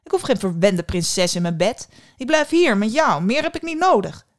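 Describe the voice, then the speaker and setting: A woman voicing a young prince, doting, cheerful and self-absorbed, who speaks brightly and eagerly. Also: medium pitch, measured pace, lightly acted.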